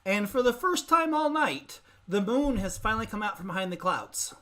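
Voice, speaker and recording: A woman's voice: medium pitch, sing-song, normal speed, fairly bright tone. A woman narrating as game master in a live tabletop game, chatty and giggly, rambling with restarts.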